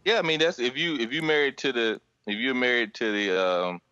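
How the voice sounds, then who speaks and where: A man co-hosting a podcast, dropping quick, wry comments into a TV review chat. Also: medium pitch, animated, pushed and bright, clean tone, dry recording, muffled recording. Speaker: podcast co-host.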